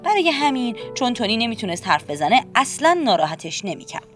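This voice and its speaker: A woman narrating a children's storybook in a gentle, steady, expressive way. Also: fairly high pitch, soft background music. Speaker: audiobook narrator.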